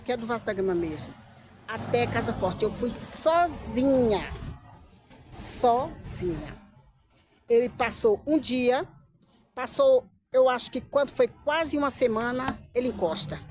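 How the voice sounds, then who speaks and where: A middle-aged woman, telling a personal story in a casual vlog. She talks in an animated way, repeats herself and acts out the lines others said to her. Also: on the high side, slight background noise.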